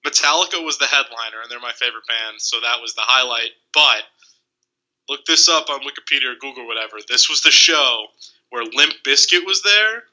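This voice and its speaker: A young man hosting a casual podcast chat, telling animated stories and swearing freely. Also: medium pitch, brisk, rough recording. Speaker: podcast host.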